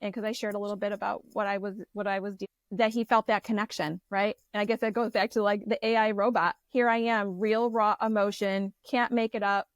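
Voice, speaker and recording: A woman therapist, a guest in an interview, telling personal stories in a candid, animated way with frequent restarts. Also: mid-range voice, a little fast, few pauses, no room sound. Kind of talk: conversational storytelling interview.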